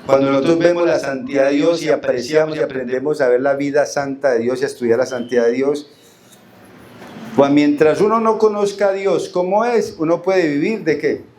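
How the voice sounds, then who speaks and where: A man with a Colombian accent, his voice on the high side, steady and a little mellow, leads a Bible study in a church hall at a moderate pace. Reading verses aloud, he lingers on key words, and he questions the congregation before answering himself.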